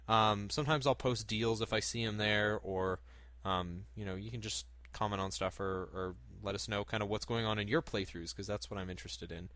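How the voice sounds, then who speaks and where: Bright-voiced male podcast host, dry close sound. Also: fairly low pitch, steady tone, fairly quick, no room sound. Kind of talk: casual gaming podcast chat.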